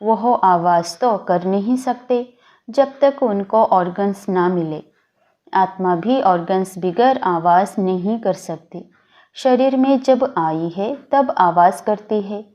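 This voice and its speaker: A woman reads a spiritual discourse aloud in a measured, deliberate recitation. She speaks very slowly and evenly, at a middle pitch. The recording is dull and lo-fi. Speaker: reader of a daily spiritual discourse.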